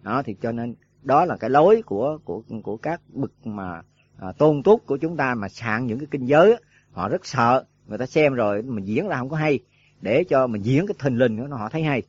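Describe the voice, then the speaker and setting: A man's voice: medium pitch, lively intonation, fairly quick, breathy edge. A man giving a rambling dharma talk to monks, full of filler words and rhetorical questions. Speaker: Buddhist monk teacher. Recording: dull lo-fi dry recording.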